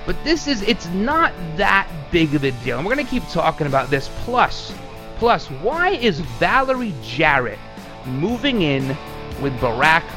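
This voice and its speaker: A man's voice: a little high, sing-song, unhurried, over music. A man hosting a talk show with blunt, emphatic, conversational political commentary. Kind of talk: casual opinionated political commentary.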